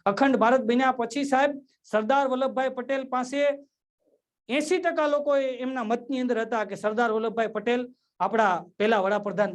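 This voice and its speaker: A man telling jokes and giving a patriotic address, animated and constantly addressing his audience as sir. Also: sits high. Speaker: comedian. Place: remote link into a virtual event.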